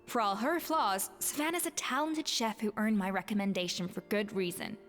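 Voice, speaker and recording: A woman's voice: mid-range voice, normal speed, fairly bright tone, soft background music, close to an everyday voice. A woman voicing a proud, elegant and exacting young female chef in a video game, poised and theatrical. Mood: assured.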